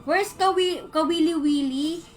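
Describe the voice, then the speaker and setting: A Filipino woman hosts a casual livestream in a high, unhurried voice. She chats away, reading viewers' comments aloud and answering them, with faint music playing underneath. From Philippines. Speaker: livestream host.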